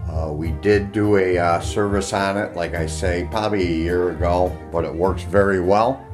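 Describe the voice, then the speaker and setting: An online seller with a deep, steady voice demonstrates an item in a casual, unscripted, plainspoken and halting way. He films on a handheld camera from off screen in a room at home, with music playing from audio equipment in the background.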